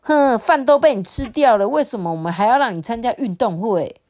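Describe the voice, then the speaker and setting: Woman voicing a scolding, exasperated storybook mom, pitched up. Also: a little fast, a little mellow, lightly acted. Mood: annoyed. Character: flustered, scolding mother.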